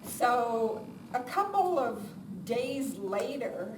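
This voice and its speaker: Speaking very slowly with a fairly high pitch and lively intonation, a female guest speaker gives an informal, conversational talk to a live audience. She comes across as self-deprecating. The recording sounds roomy, with a distant mic and loud background noise.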